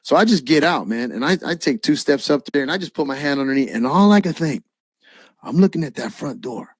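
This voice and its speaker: Animated man telling his testimony, dry sound. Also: fairly high pitch, brisk, husky, dry recording. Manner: animated storyteller acting out dialogue, casual with "man". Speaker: preacher sharing his testimony. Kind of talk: spoken personal testimony.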